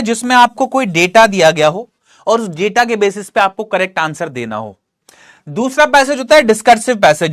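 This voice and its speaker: A male English teacher giving an exam-prep lesson with a very lively, swooping delivery. He coaxes his students along and keeps putting questions to the class, then answering them himself. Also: high-pitched. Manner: animated, coaxing, asks and answers his own questions.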